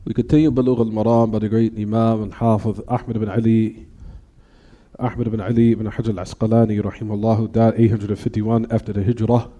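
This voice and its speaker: An Islamic teacher leads a hadith class, explaining in English, reciting Arabic, and often quizzing students with "what?" questions. His fairly low, mellow voice is flat and fairly quick, and the highs are cut off.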